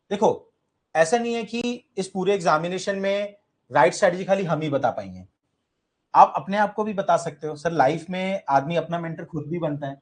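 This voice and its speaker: A high-pitched man with an Indian accent, a UPSC coaching teacher, gives an orientation talk to exam students in a classroom. He mixes Hindi and English and puts questions to the class.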